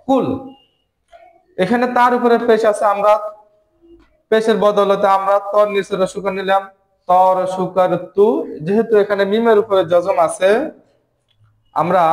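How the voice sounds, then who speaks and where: Patient male Quran teacher, echoey room. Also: high-pitched. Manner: patient, repeats syllables drawn out for learners. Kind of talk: spelling out letters and syllables slowly in a recorded lesson.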